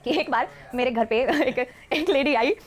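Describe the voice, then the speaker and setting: A woman's voice: high-pitched, measured pace. A woman, a stage dancer, telling stories as a podcast guest and often laughing mid-sentence. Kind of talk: casual storytelling interview.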